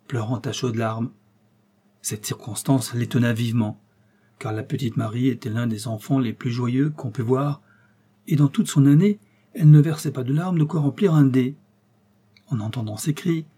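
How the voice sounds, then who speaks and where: A man telling an old storybook tale with a measured, expressive delivery. His voice sits warm and low in tone, with a slightly husky grain. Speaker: narrator. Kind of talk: storybook reading.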